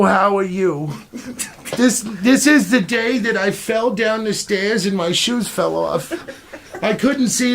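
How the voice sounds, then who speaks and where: A man's voice: gravelly, fairly bright tone, slight background noise. A man doing a babbling, confused prank caller. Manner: babbling, high and slow.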